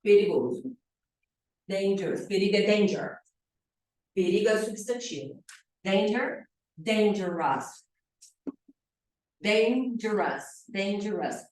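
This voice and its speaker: A woman teaching English in a classroom, speaking slowly and repeating each example word. Her voice reaches the camera from across the room. The hard walls give it a heavy echo. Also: mid-range voice, darkish tone. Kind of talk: bilingual classroom lesson. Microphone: camera at a distance. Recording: echoey room, far from the camera.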